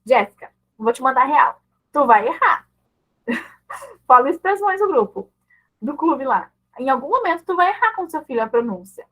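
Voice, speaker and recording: High-voiced woman mentoring parents. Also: big pitch swings, normal speed, a bit bright, low-quality recording. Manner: conversational, often checks in with short tag questions; acts out example dialogues between parent and child. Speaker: mother teaching her child English. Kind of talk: online mentoring talk.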